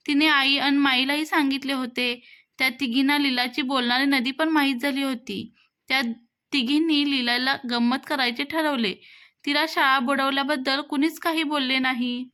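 A woman reading a children's textbook story aloud in an expressive, rhythmic way. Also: high voice.

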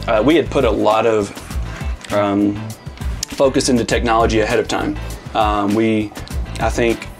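Earnest pastor talking things through. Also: male voice, mid-range voice. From Arizona. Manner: reflective, earnest, speaks in long loose sentences with fillers. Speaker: lead pastor. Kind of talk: casual interview chat.

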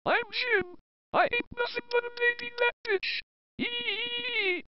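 A woman's voice: extremely high pitch, fairly even intonation, slow pace, dull audio. A woman voicing a goofy, dim-witted young dinosaur who talks in a dopey, hesitant way.

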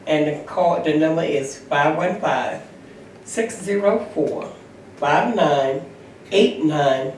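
Slow-paced woman in an echoey room. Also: low voice, animated, a little mellow. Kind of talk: church announcement read aloud. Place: small indoor meeting room. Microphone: distant camera microphone. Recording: very echoey room, distant mic, faint noise.

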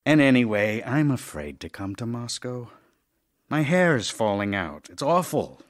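Here the actor, male and medium-pitched, plays a weary, witty, affectionate playwright of middle age in an audio drama of love letters. His delivery is sing-song and a little slow, layered over a dry, teasing, melancholy, theatrical manner, and the mood is fretful.

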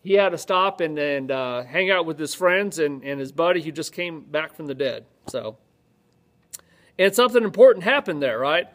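A pastor teaches from the Bible in an office-like room indoors with ceiling lights. His voice is on the high side, with lively intonation, normal speed and a fairly bright tone. He's conversational and makes joking asides, reading scripture aloud with rising emphasis.

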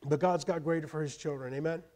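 A man preaching a sermon, animated, acting out loud pleading prayers and calling out to his congregation with repeated phrases. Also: fairly high pitch, quick pace. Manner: repeats words, calls out to congregation. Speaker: pastor.

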